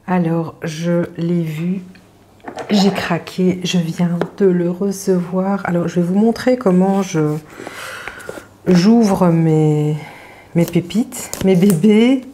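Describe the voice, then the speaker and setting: A woman's voice: lowish voice, takes it slowly, mellow, slight background noise. A woman hosting a casual tarot unboxing vlog, chatting with many fillers and throwing in English words. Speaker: tarot channel host.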